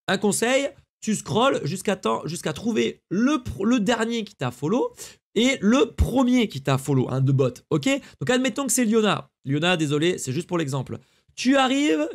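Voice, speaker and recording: A young man casually talking the viewer through a streaming tutorial, chatty and slangy. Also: a little high. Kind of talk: casual screen-recorded tutorial.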